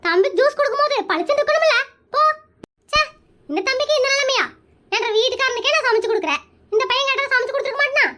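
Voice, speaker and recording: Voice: very high-pitched, very fast, noisy background. A performer voicing a bossy, meddling middle-aged aunt in a comedy cartoon, scolding and nagging everyone around her.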